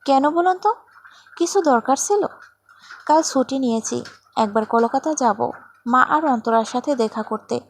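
A woman reading a story voices a calm young woman who speaks softly and reasons with measured firmness. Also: high-pitched, slight background noise.

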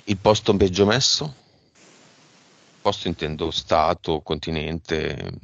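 Deep gravelly man leading a session. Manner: brisk, directive questioning. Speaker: hypnosis session leader. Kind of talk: guiding an esoteric hypnosis session. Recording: dull lo-fi sound.

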